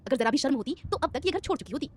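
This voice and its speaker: A woman's voice: high voice, animated, very fast, slight background noise, voice pushed up. A woman voicing a malicious gossiping servant. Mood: taunting. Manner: taunting, stirring trouble. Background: background music.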